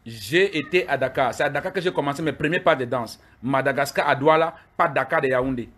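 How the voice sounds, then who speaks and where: A middle-aged man from Cameroon, a live video streamer, rants angrily at his critics on a livestream, addressing them directly and repeating himself. His mid-range voice is a bit bright and he speaks at a quick pace.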